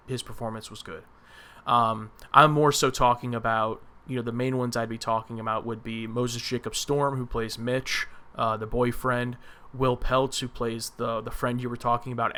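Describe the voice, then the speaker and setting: Bright, clear-voiced man reviewing films. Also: medium pitch. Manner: opinionated, rambling with restarts and filler. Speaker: podcast co-host. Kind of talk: casual film review chat.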